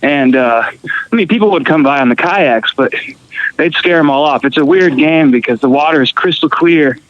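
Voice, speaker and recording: In casual chat, a Costa Rican guest musician spins relaxed fishing and travel tales, with fillers and restarts. He speaks at normal speed in a fairly high voice. There's no echo, but the highs are cut off.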